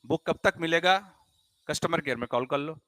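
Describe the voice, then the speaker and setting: A man teaching a live online class, animated and playful, now and then scolding students for their comments. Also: on the high side, normal speed, no echo.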